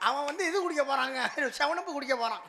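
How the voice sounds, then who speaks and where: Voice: sits high, quick pace, creaky, crowd noise. A stage comic in a village street drama, joking back at his partner and coaxing the audience to stay in their seats. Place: outdoor village stage before a crowd. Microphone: stage mic.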